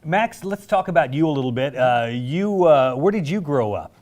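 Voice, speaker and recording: A man filling in as host of a local TV interview show, chatty and easygoing, with slightly halting questions, in a studio. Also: a little high, expressive, darkish tone.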